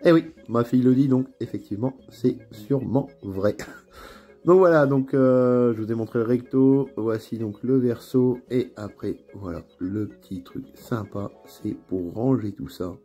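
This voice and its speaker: A man's voice: medium pitch, slightly rough. A man with a northern French accent chatting casually through an unboxing video, with plenty of hesitations and fillers. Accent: northern French (Ch'ti). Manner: relaxed, chatty, many fillers and pauses. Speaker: miniatures hobby YouTuber. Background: faint background music.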